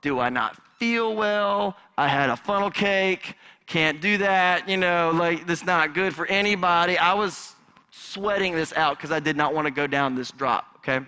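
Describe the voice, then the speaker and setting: An animated male pastor telling a story from the pulpit with a bright, forceful voice. He acts out the voices of the people in his story, and his pitch sits a little high for a man. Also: moderate pace, smooth. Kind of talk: sermon with personal story. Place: church sanctuary.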